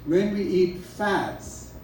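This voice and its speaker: His voice is high and darkish, and he draws out his words. He's a middle-aged naturopath from Trinidad and Tobago making an emphatic, sincere sales pitch at a product event, listing items individually before a live audience in an echoey room recorded from far off with faint noise.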